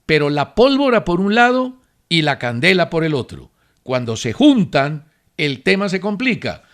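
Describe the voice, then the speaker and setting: Male sports radio host, slightly high voice, measured and emphatic. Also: very animated, a bit bright. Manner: measured, emphatic opinion delivery. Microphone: studio radio mic.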